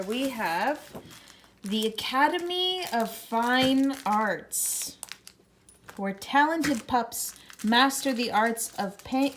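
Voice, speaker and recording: Slow, playful woman coaxing her dog. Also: fairly high pitch, slight background noise. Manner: playful, coaxing, laughs often. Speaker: dog owner unboxing a pet subscription box. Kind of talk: casual vlog talk to her dog.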